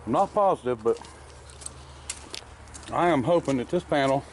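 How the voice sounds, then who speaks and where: This car restorer's voice is medium-pitched and expressive at a moderate pace, with a little hiss or hum. He chats casually in his workshop garage about restoration work, rambling plainly with many fillers as he chews candy.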